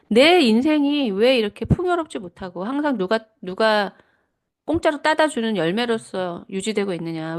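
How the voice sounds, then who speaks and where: A middle-aged woman giving a devotional teaching talk, earnest and reflective, sharing personal testimony and often correcting herself mid-phrase. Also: fairly high pitch. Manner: reflective, with frequent self-corrections.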